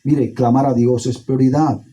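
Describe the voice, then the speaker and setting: A man preaching a sermon as pastor, with emphatic pauses and repetition. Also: mid-range voice, flat delivery, warm tone, husky, low-quality recording.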